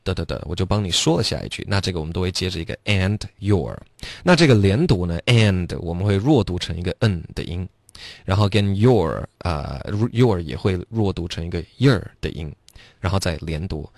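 A man teaching English in a radio studio, with a lowish voice. He repeats phrases slowly to show pronunciation, and the studio sound is dry and close. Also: no echo. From United States. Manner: slow, drawn-out demonstrations of English phrases. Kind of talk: radio language lesson. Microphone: studio microphone.

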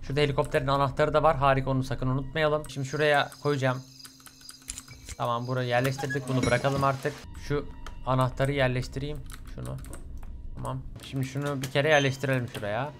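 A young man commentating his own horror game playthrough, swearing often, bursting into yells and slipping into English curses. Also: medium pitch, fairly quick, slight background noise. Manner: excitable, swears a lot, sudden yelling outbursts. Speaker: gaming channel host. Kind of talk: let's play commentary.

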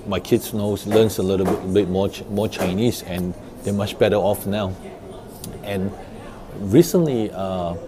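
A man in his thirties giving family road-trip tips in a casual, halting way, with many fillers and restarts, recorded on a lapel mic. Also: sits low. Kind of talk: casual how-to talk. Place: office room, then parked car.

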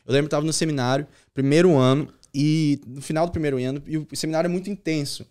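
A man tells a personal story as a guest on a podcast, speaking quickly. He is an earnest youth pastor who keeps returning to the same key words for emphasis. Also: on the high side, steady tone, darkish tone, clean tone.

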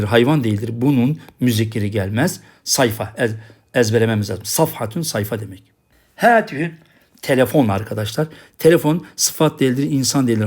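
A man's voice: mid-range voice, darkish tone. A man teaching a recorded language lesson, patiently drilling each word and repeating the same checks. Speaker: Arabic teacher.

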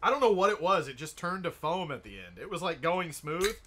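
A man's voice: a little high, sing-song, brisk, noisy background. An American man chatting casually on a livestream, rowdy and jokey, swearing freely. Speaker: live streamer. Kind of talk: casual, profane livestream chat.

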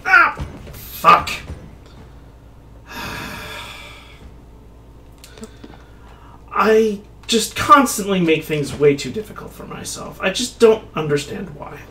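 Slow-talking, self-mocking male game streamer. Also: high voice, slight background noise. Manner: self-mocking, swears, sudden excited exclamations. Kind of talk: casual let's-play commentary.

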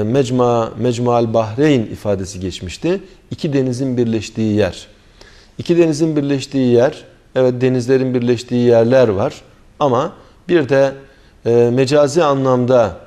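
A middle-aged man giving a religious lecture, explaining verses in a measured way with frequent hesitant pauses. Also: mid-range voice, mellow. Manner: recites Arabic verses then translates. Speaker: Quran commentary teacher.

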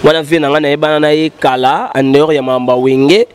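His voice is fairly high, the intonation fairly even, and the tone clean. A musician in his thirties, he's being interviewed outdoors against a painted backdrop, talking into the interviewer's handheld mic as he gestures broadly and rambles quickly through memories in French and Lingala.

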